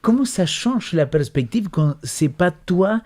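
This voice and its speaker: A man's voice: high-pitched, lively intonation, unhurried, darkish tone. A man on a Bible study panel who tells anecdotes with emphasis and often repeats words as he talks. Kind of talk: religious panel discussion.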